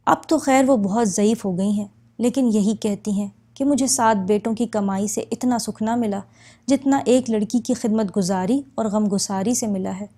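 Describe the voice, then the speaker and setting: A woman narrating a novel in the first person, calm and measured. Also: medium pitch. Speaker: audiobook narrator.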